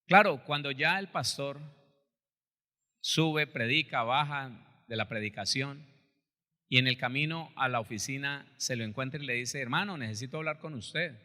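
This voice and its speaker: Man, pastor, storytelling sermon, animated, forceful tense voice, echoey church hall. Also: mid-range voice, measured pace. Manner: animated, acts out quotes, addresses listeners as brother.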